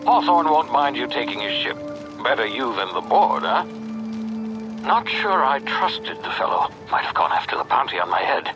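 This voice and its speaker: An actor playing an eccentric, flustered scientist in a video game, muttering and halting theatrically over a radio-like link. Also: male voice, mid-range voice, sing-song, highs cut off, music in the background, lightly acted. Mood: exasperated, offhand. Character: eccentric, flustered male scientist guiding a recruit. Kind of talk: video game character dialogue.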